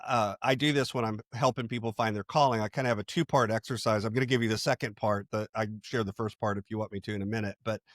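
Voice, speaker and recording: A middle-aged man, a podcast host and coach, telling stories in a relaxed conversational interview and acting out quoted people. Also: on the low side, fast, few pauses, no echo, studio quality. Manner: storytelling, animated voices for quoted people.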